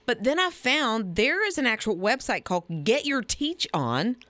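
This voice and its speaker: A chatty woman co-hosting a morning radio show, her pitch swinging widely as she talks. She tells stories casually and laughs easily. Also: sing-song, moderate pace, fairly bright tone, no room sound. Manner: chatty, laughs often, storytelling.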